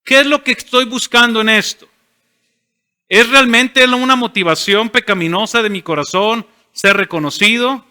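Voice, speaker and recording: A man's voice: very high voice, normal speed, bright, forceful tone, smooth, long reverb tail. A man preaching a sermon as pastor, asking rhetorical questions and answering them himself. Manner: asks rhetorical questions and voices imagined listeners. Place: church sanctuary.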